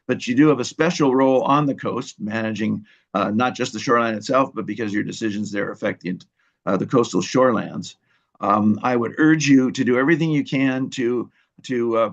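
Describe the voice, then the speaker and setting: A man giving earnest public comment to a commission, pausing often with fillers as he urges action. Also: medium pitch, highs cut off. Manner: earnest, halting with many fillers. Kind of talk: public testimony.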